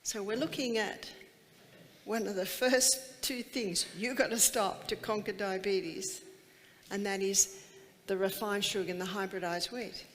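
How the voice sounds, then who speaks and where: A woman's voice: medium pitch, fairly even intonation, unhurried, fairly bright tone, a little hiss or hum. Woman, seminar speaker, quizzes the crowd emphatically; reverberant hall sound. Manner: emphatic, asks many rhetorical questions. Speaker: health educator giving a seminar. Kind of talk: live lecture to an audience.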